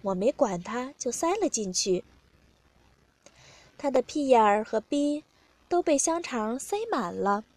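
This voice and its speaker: High-voiced woman reading a story. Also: unhurried, long pauses, dry recording. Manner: plain, steady first-person telling. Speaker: narrator.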